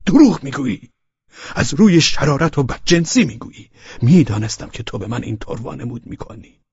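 A man voicing a strong man choking with rage, shouting forcefully. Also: medium pitch, big pitch swings, husky, lo-fi sound, voice pushed up, exaggerated voice. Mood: furious.

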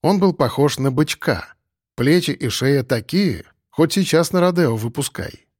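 A man's voice: on the high side, expressive, a little slow, darkish tone, breathy edge, no echo, clean studio sound. A man narrating a first-person audiobook in a wry, conversational manner.

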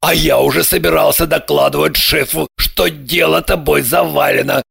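A woman doing a gravelly blustering male boss. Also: sits low, fairly even intonation, a bit bright, no room sound, clean studio sound, voice pushed down, full character voice. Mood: grumbling. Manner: slow, blustering. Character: flustered middle-aged male agent boss, quick-tempered. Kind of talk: audiobook character voice.

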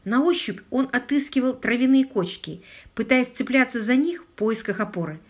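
A woman reading a mystery novel aloud, with expressive narration. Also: on the high side, moderate pace. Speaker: audiobook narrator. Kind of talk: audiobook reading.

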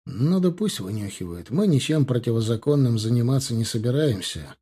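A man voicing a calm, good-humored retired general in an audiobook. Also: medium pitch, a little fast, slightly rough. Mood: calm, commanding. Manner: calm, commanding.

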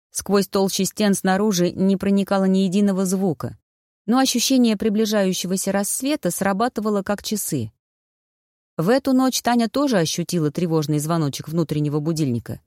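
An audiobook narrator reading a fantasy story in a steady, even storytelling manner. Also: medium pitch, no room sound, studio quality. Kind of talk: scripted narration.

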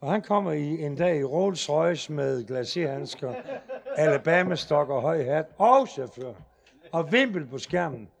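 A man telling comic stories, with a lively, punchy delivery. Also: on the high side, gravelly, crowd noise. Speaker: comic storyteller. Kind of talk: live comic storytelling.

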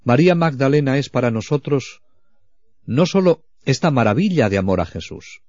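A man giving a spiritual retreat talk as a preacher, reflective and slow, dropping into hushed tones at times. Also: medium pitch, animated, dry recording. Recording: dull, lo-fi, dry recording.

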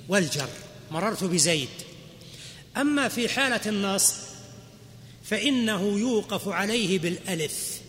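A man's voice: high-pitched, a bit bright. A man teaching Arabic grammar to a class, explaining patiently and quizzing his students. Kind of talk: classroom lecture. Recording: hall reverb, faint noise.

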